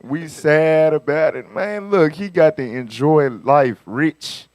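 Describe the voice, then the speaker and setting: A man with a high, clear voice hosts a talk show. He comments on clips in animated, slangy speech and laughs often. His mic is close and dry. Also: takes it slowly, dry recording. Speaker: host.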